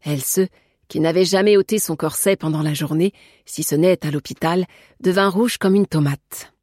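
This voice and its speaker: Husky, low-voiced woman narrating a novel. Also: no room sound, clean studio sound. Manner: measured, even storytelling. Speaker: audiobook narrator. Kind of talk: scripted narration.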